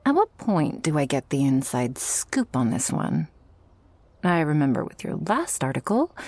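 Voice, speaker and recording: In an intimate ASMR roleplay addressed to the listener, a woman plays an affectionate, protective, dominant shark girl mistress with a troubled past. Her low-ish, darkish, breathy voice often drops to a whisper, sounding tender, curious, and commanding as she teases slowly. The recording is dry.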